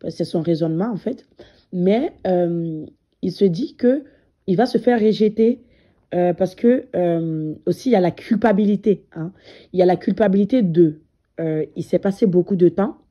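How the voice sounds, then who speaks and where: Speaking to viewers directly, a spiritual coach and medium who has a cold delivers her talk hesitantly, full of fillers and repeated words. Her lowish voice moves at normal speed, and the sound is lo-fi.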